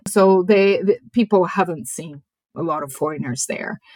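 A woman of around forty, a podcast guest telling her life story in a reflective, measured way while sometimes searching for English words. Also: lowish voice, a little mellow, no echo. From Japan. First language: Japanese. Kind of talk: personal storytelling in conversation.

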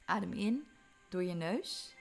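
Woman, calm meditation guide, unhurried delivery, faint music underneath. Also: on the low side, gravelly. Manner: slow, calm, soothing instructions with soft whispered moments.

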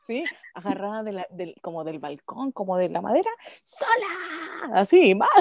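Animated Chilean woman telling stories. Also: mid-range voice, a little slow, vocal fry, no echo. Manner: animated, slangy, breaks into laughter and shouts. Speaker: podcast co-host. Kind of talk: casual comedic storytelling.

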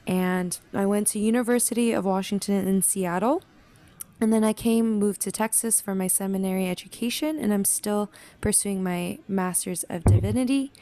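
A young woman from the Pacific Northwest co-hosts a podcast, chatting casually and warmly and laughing easily. Her voice is medium-pitched and her pace moderate.

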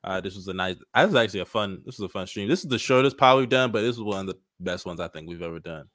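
A man with a fairly low voice, recorded dry and close. He hosts a casual chat stream and talks in loose, slangy, bro-style banter. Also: rapid-fire, fairly bright tone, dry recording. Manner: slangy, bro-heavy frat-guy banter. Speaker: podcast host.

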